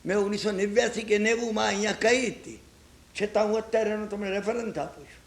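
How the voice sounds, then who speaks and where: A man delivers a religious discourse as a story and keeps checking on his audience with rhetorical asides. His voice sits very high with a gravelly edge. The recording rings in an echoey hall. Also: quick pace. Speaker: religious lecturer.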